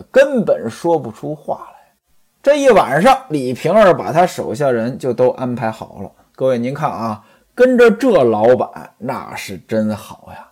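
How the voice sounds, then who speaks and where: A man's voice: mid-range voice, a little mellow, husky. A man performing traditional Chinese storytelling, narrating and speaking directly to his listeners.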